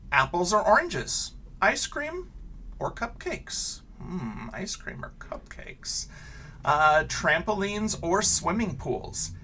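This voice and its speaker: A teacher reads a children's picture book aloud to young listeners, posing expressive questions and making casual asides, while a faint hiss or hum sits under the recording.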